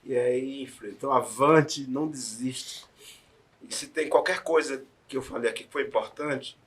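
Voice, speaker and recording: A man as an interview guest, telling an emotional personal story in a heartfelt way, sometimes hushed, sometimes loud and encouraging. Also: mid-range voice, normal speed, slightly rough.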